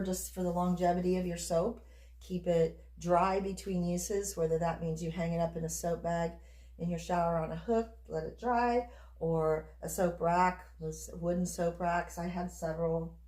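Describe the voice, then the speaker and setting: Lower-pitched woman chatting in an echoey room. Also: a little mellow. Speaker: soap maker demonstrating her craft. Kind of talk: casual chatty craft demonstration.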